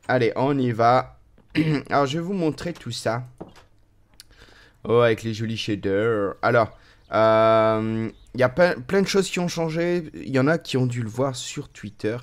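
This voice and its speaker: This is a man talking through his own gameplay in a relaxed, chatty way. He fills pauses freely, and his voice jumps up and drops down in pitch and loudness as he goes. His pitch sits in the middle range for a man. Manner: chatty, playful, with many fillers and swings in pitch and loudness. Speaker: let's play host. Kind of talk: casual gameplay commentary.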